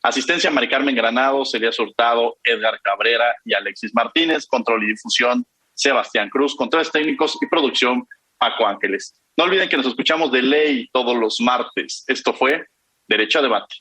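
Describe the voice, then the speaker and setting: A man with a Mexican accent hosts a radio talk show, courteous and a little rambling. His tone is bright and forceful at a middling pitch. The sound is dry and close to the mic. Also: fairly quick, slightly rough, dry recording, low-quality recording. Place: radio studio.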